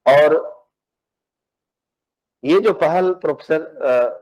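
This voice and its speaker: Here a philosophy professor lectures in a measured, step-by-step manner, repeating words as he gropes for phrasing and sprinkling in English technical terms. His pitch is fairly high and his tone darkish, on a low-quality recording.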